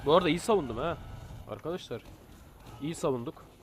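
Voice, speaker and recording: Excitable young man commenting on gameplay. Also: a little high, fast talker, noisy background. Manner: excitable, swings from muttering to shouting. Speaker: gameplay video host. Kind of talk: casual gaming commentary.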